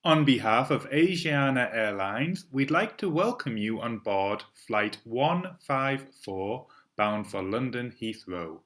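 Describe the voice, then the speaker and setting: Male flight attendant announcement, lively rising-and-falling pitch. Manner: formal, measured announcing for language practice. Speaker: English lesson narrator reading a flight attendant announcement.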